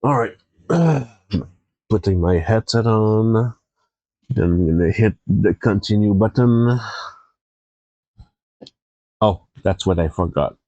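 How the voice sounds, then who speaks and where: A stuffy-nosed, tired man hosting a live game stream, talking in an unhurried, rambling way. His voice sits on the low side, and the sound is close and dry. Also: mellow, no echo, muffled recording. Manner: easygoing, rambling with fillers and restarts. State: congested. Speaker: Twitch streamer. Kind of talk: casual live-stream chat.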